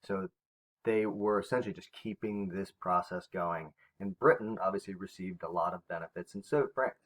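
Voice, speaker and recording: A man's voice: low-pitched, normal speed, a bit bright, a little hiss or hum, poor audio. A man teaching a recorded history lesson to his students, talking in a conversational way with fillers and self-corrections.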